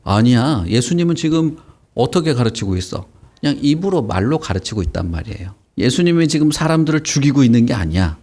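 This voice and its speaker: A man leads a children's Sunday school lesson in a plain, mid-pitched voice. He speaks lively and warmly engaged, tossing questions to the kids and acting out the story. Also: fairly quick. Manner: animated, asks the kids questions.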